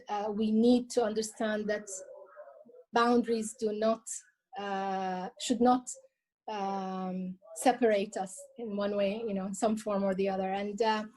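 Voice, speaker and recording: A woman from Iraq who grew up in the Emirates, talking as an interview guest. Her voice is soft and mellow, and she speaks thoughtfully, pausing on fillers and restarting phrases as she goes. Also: mid-range voice, rough recording. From Iraq, raised in the UAE. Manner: measured, thoughtful delivery with frequent hesitations and restarts. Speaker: guest, collector and researcher of traditional dress. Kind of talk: interview answers.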